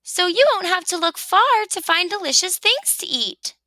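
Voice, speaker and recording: A tiny cheerful mouse from a children's storybook. The voice is squeaky and extremely high, with excitable swoops and a dry, close sound. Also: female voice, moderate pace, dry recording, full character voice. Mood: encouraging. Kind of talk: children's storybook read-aloud.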